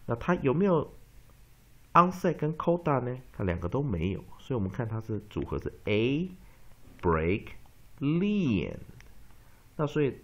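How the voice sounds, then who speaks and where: A man teaching an English pronunciation lesson. He repeats words slowly for drilling and mixes English terms into his Chinese. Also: medium pitch, sing-song. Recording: dull lo-fi recording.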